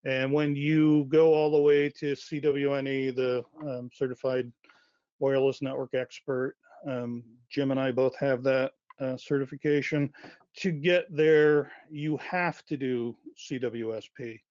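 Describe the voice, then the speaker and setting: A man's voice: medium pitch, fairly even intonation, a little slow, a little mellow, no echo. A man losing his voice, speaking informally as a university wireless lead on a webinar, with many fillers and self-corrections. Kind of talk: conversational webinar presentation. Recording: dull, dry lo-fi web audio.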